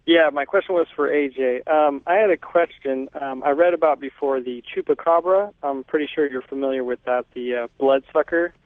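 A man's voice: medium pitch, moderate pace, hardly any pauses, no room sound. A man calling into a radio show over a phone line, asking questions with hesitant ums and uhs. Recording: tinny dry phone line.

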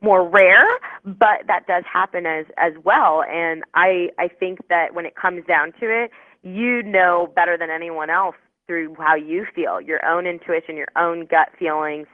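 A woman's voice: on the low side, fairly even intonation, measured pace, no room sound. A woman in her twenties, a psychic medium guest on a radio show, talking over the phone in a bubbly, rambling way with lots of fillers. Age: 20s. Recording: tinny phone line, dry.

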